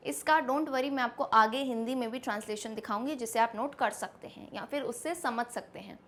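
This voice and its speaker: A young Indian woman teacher explaining a poem to students in a lively way, asking them questions as she goes. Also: a little high, moderate pace. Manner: lively, asks questions to students, mixes Hindi and English. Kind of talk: classroom lesson explanation.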